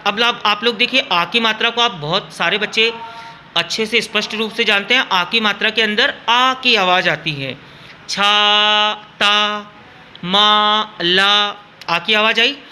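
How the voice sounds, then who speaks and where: Guy teacher going over grammar with students, real sharp bright voice, keeps repeating stuff. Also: high voice, a little hiss or hum. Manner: repetitive, addresses students directly, drawn-out sounds in demonstrations. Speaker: school teacher. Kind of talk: classroom grammar lesson.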